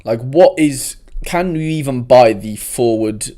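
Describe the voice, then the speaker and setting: A man's voice: medium pitch, expressive, unhurried, dark tone. A young man from South Wales with a South Welsh accent, hosting a casual livestream and chatting with viewers in a laid-back way. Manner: chatty, laid-back, uses "mate" often. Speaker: host.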